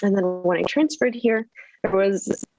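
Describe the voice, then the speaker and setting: A woman's voice: mid-range voice, unhurried, rough recording. A young woman from Northern California introducing herself as a student panelist, casual and friendly with frequent ums.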